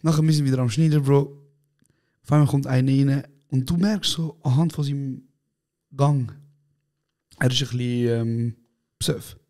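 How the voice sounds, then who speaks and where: A man's voice: medium pitch, fairly even intonation, moderate pace, mellow. A man co-hosting a casual podcast chat, telling funny stories in slangy street talk and acting out what people said. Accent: Swiss German. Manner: slangy storytelling, acts out quotes, laughs a lot. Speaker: podcast co-host.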